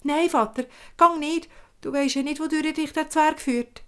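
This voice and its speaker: A woman's voice: high voice, very animated, normal speed, voice pushed up. A woman with a Swiss German accent voicing an eager young shepherd boy in a told fairy tale. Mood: eager pleading.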